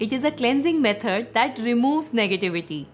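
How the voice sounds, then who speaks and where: A woman calmly teaching a spiritual healing practice in a gentle, unhurried tutorial voice. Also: fairly high pitch, slight background noise. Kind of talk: calm guided tutorial.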